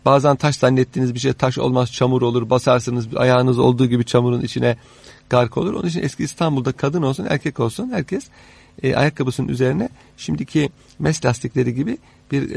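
Gravelly-voiced man explaining history, haltingly. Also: mid-range voice, darkish tone, dry recording. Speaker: interviewed guest, expert on old Istanbul. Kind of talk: explanatory conversation about history.

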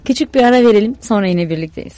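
A woman's voice: medium pitch, lively intonation, very fast, loud music behind the voice. A woman hosting a studio conversation, giving polite, brief remarks and formal sign-offs. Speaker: radio show host.

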